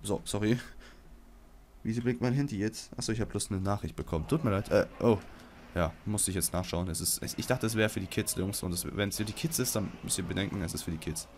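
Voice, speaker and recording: A young man giving casual, slangy commentary on his gameplay, with sudden loud outbursts at the game. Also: on the low side, a little fast, a little hiss or hum. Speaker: let's play gamer.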